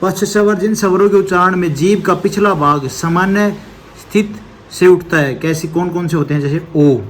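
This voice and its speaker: A man with a somewhat high voice teaches an exam-prep grammar lesson. He explains patiently, step by step, asks a question and answers it himself, and checks each point with a quick "okay". A faint noise sits under his voice.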